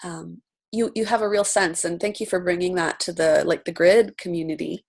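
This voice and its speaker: A woman's voice: on the low side, fairly even intonation, normal speed, creaky, a little mellow. A woman from Romania hosting an online coaching session over a video call, upbeat and chatty as she greets each guest by name. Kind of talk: casual video-call welcome and introduction.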